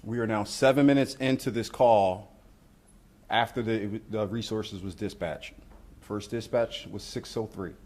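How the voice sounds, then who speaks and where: A man speaking as a law enforcement official, walking reporters through footage in measured, procedural language. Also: lowish voice, darkish tone. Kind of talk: news briefing commentary on footage.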